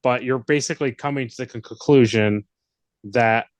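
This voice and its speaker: A man narrating as game master of a tabletop role-playing game, relaxed and quick to laugh. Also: mid-range voice, dry recording.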